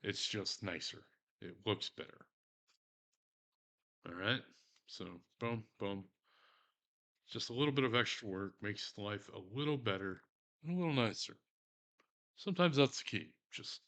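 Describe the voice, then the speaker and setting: A man with a Texan drawl talks through his handiwork in a loose, rambling way, swearing freely and mocking himself as he goes. His voice sits fairly low but comes across bright and forceful, with a casual streamer's ease. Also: lively intonation, unhurried, long pauses. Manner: rambling, profane, self-mocking. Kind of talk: casual crafting stream chat.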